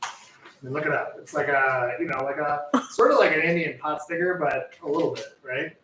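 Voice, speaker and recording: A rambling man hosts a live cooking show from his kitchen, and his voice comes across bright and somewhat pitched up. He keeps correcting himself and cracking jokes as he cooks. The sound is roomy and echoey, since he stands back from the mic. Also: fairly quick, recorded from a distance, slight background noise. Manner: rambling, self-correcting, joking. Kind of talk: casual live cooking chat. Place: home kitchen.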